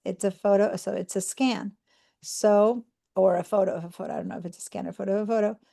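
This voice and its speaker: Speaking quickly in a gravelly, mellow, medium-pitched voice with fairly even intonation, an Argentine woman demonstrates a computer task in a live online class. She takes students through it step by step with patience, sprinkling in fillers and checking that they're following.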